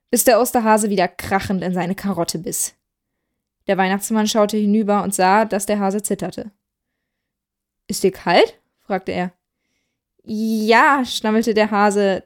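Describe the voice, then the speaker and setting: A woman reading a children's Christmas story aloud in an even, clearly paced storytelling voice. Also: medium pitch. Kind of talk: scripted story narration.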